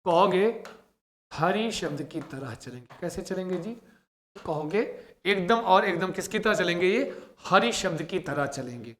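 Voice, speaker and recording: A middle-aged man teaches an exam coaching class, his voice pitched high. He takes his time, drawing out each word form and urging students to chant it back with him. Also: lively intonation, measured pace, a bit bright. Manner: drills aloud, coaxing call-and-response, chanting word forms.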